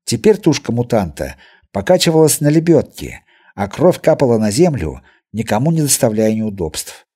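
A man narrating an adventure audiobook with expressive storytelling. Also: mid-range voice, normal speed, breathy edge. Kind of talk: scripted narration.

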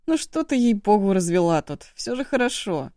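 A woman voicing a cocky, mischievous young man in an audiobook, shrill and fast-talking when cornered. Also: big pitch swings, mellow, no echo, clean studio sound, natural voice. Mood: coaxing.

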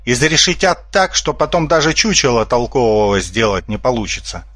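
A man's voice: mid-range voice, sing-song, normal speed, a bit bright, no echo. A man voicing a sly male fox trickster in an audiobook, teasing and smug. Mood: mocking.

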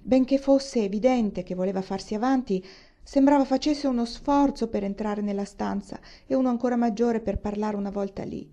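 Woman, audiobook narrator, mellow voice, measured, expressive reading. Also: on the high side. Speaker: audiobook reader.

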